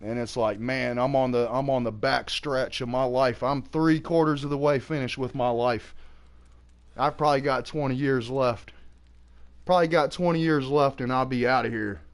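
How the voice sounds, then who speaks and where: A laid-back man in his early forties rambles on casually, swearing freely. His voice sits at an ordinary middle pitch, and his talk is loose and unhurried. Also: fairly even intonation. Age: 40s. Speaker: streamer. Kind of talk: casual chat while gaming.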